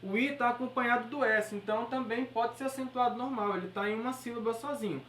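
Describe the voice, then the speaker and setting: A woman's voice: a little high, fast talker, a bit bright, a little hiss or hum. A woman with a Brazilian Portuguese accent teaching an exam-prep grammar lesson, explaining step by step and checking in with her listeners. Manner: explanatory, checks in with "beleza?" and "certo?". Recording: echoey room, voice from far off the mic.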